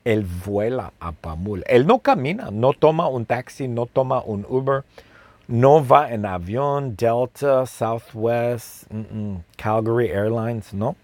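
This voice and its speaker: A man telling a simple story slowly and playfully, repeating phrases and asking the listener questions. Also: medium pitch, lively intonation, darkish tone, dry recording. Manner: playful, with sound effects. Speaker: storyteller for language learners. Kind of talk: slow, simple storytelling with lots of repetition.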